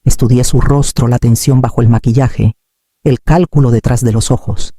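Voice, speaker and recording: A woman narrating a scripted story in a calm, measured way. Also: rumbling low, breathy edge, dry recording, studio quality.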